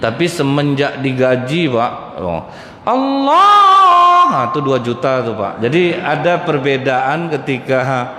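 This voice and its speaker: Animated preacher in an echoey hall. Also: male voice, medium pitch, normal speed, hardly any pauses, background noise. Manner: addresses audience as Pak and Bu constantly, acts out quoted voices, jokes. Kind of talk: lively mosque sermon with storytelling. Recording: echoey hall with faint ambience.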